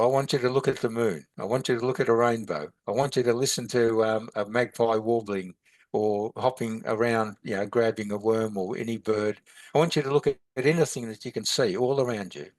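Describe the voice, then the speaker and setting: A man's voice: mid-range voice, dry recording. A man, teaching in a podcast chat, rambling with many halts and restarts. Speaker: meditation and philosophy teacher.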